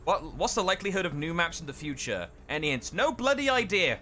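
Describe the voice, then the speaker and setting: A man casting a live game stream in casual chat, reading chat aloud with quick asides. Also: a little high, very animated, pushed and bright, soft background music. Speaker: esports caster.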